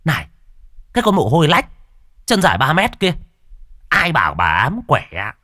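A man's voice: fairly high pitch, wildly swooping pitch, moderate pace, sharp tone, no room sound, studio quality, pitched above the performer's own voice, heavily acted. A man voicing a brash, effeminate male corn seller at a market who shrilly taunts a rival vendor. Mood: taunting.

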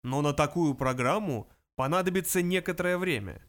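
A man voicing a vast supercomputer that speaks in a booming, measured, self-assured way. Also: close to an everyday voice.

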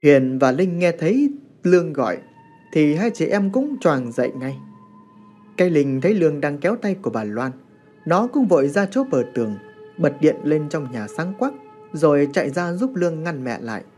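A man narrating a horror story in a dramatic, expressive way. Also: fairly high pitch, normal speed, soft background music.

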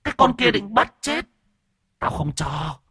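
A man voicing the bitter ghost of a miscarried child, speaking in a high, thin, drawn-out whine and cursing the family. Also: big pitch swings, sharp tone, breathy edge, dry recording, studio quality, exaggerated voice. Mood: sullen boasting. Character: wailing ghost of an unborn child, bitter, vengeful.

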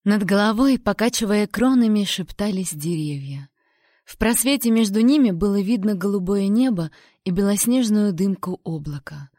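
A woman calmly narrating a first-person audiobook in a measured storytelling manner. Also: medium pitch, dry recording, studio quality.

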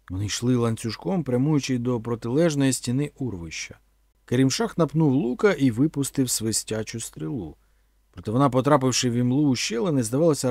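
A man narrating an adventure story as an audiobook reader, in an expressive storytelling manner. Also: mid-range voice, creaky, no echo, studio quality. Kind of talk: scripted narration.

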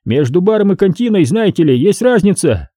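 A sneering smoker of a cop, his voice pushed up high and taunting, picking at every answer, as a man puts him on. The tone is husky and warm, read close and dry as an audiobook character. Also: sing-song, fairly quick, no echo. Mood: mocking. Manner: mocking, needling, high-pitched. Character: sneering smoking male police officer.

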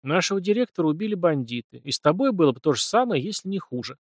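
A calm, deadpan teenage boy, voiced by a male narrator in an audiobook, speaking in short flat sentences without emotion. The voice stays close to the reader's own, just a little higher. It is recorded dry and close. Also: fast, dry recording.

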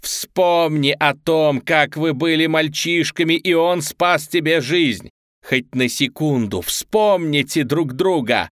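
Мужчина-чтец озвучивает Люсинду, вспыльчивую и властную ведьму, которая визгливо и повелительно кричит на сестёр в сказочной аудиокниге. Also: male voice, on the high side, lively intonation, unhurried, hardly any pauses, fairly bright tone, dry recording, clean studio sound. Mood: властно. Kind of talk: чтение аудиокниги с озвучкой персонажей.

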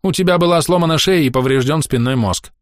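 A man voicing a grumpy, sharp-tongued woman healer who scolds and snaps in a raised voice. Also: on the high side, fast talker, no echo, clean studio sound, voice pushed up, natural voice. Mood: angry scolding.

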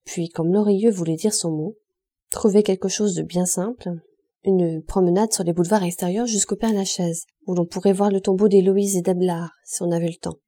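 A woman reading a classic novel aloud as an audiobook narrator, steady and measured. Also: lowish voice, husky.

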